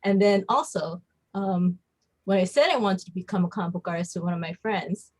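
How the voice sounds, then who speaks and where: A woman from Hawaii, a comic book artist appearing as a podcast guest, tells her own story casually in an interview, saying "like" often. Her voice is lowish and darkish in tone, and she talks briskly.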